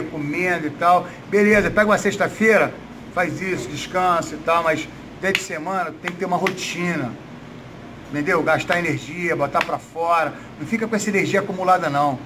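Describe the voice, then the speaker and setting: Indoors in a noisy gym, a Brazilian man in his fifties answers interview questions casually. He coaches jiu-jitsu and talks briskly in a fairly high voice.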